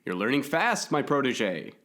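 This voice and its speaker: A man's voice: on the low side, steady tone, moderate pace, natural voice. Man doing a spirited girl hunter, Sadie. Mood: excited, gleeful. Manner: eager and spirited. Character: bold spirited young girl monster hunter.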